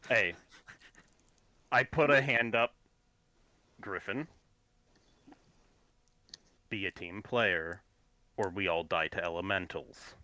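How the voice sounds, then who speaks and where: A man's voice: sits low, slow pace, long pauses, pushed and bright, no room sound. A man talking casually and in character as a player in a tabletop role-playing game.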